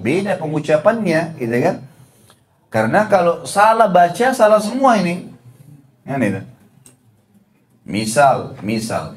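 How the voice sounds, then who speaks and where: A middle-aged man giving an Islamic study lecture as a preacher. He speaks straight to his audience, repeats his points and slowly sounds out Arabic letters to show how to say them. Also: fairly high pitch.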